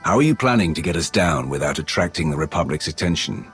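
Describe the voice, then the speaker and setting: A man's voice: rumbling low, expressive, quick pace. An actor playing a blunt, wary male Sith warrior who speaks tersely and directly. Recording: game cutscene over loud music.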